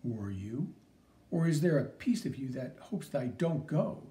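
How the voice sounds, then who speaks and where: An earnest, heroic flying cartoon mouse speaks with steady, encouraging confidence, as a man reading a storybook puts him on. His tone is mellow and warm, and his pitch moves in lively swings. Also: a little slow. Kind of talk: audiobook character reading.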